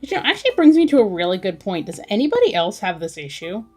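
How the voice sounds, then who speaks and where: This livestreaming artist talks fast in a sing-song, medium-pitched voice with a darkish tone. She muses casually while drawing, music playing behind her.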